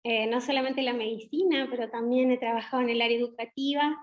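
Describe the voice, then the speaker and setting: A middle-aged woman with a Chilean accent, a doctor speaking as guest in an interview, measured and reflective with pauses. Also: a little high, fairly even intonation, highs cut off. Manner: measured, reflective, frequent hesitations. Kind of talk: conversational interview.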